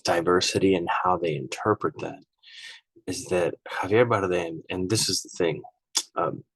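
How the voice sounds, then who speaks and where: A man's voice: sits low, steady tone, normal speed, husky, no echo, low-quality recording. A man casually comparing films, rambling and conversational, frank and opinionated, often ending his points with "right?". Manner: frank and opinionated, easily irked. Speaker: film reviewer. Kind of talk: casual spoken film comparison.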